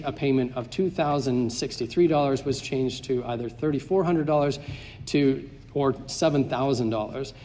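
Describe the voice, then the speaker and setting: A man's voice: medium pitch, a little mellow. Man, conference presenter, emphatic, numbered points, long hall reverb, faint room hum. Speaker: market access consultant. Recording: live talk in a hall.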